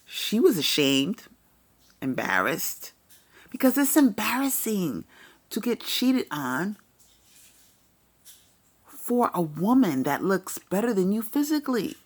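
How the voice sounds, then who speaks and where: Blunt slow-talking woman gossip vlogger. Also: medium pitch, big pitch swings. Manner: blunt, opinionated, profane. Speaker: commentary vlogger. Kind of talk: casual celebrity gossip commentary.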